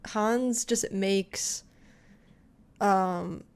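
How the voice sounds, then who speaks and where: A woman's voice: mid-range voice, drawn-out words, vocal fry, darkish tone, clear, resonant tone. Chatty young woman discussing films. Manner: chatty, filler-heavy, acts out scene quotes. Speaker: podcast co-host. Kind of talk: casual film discussion.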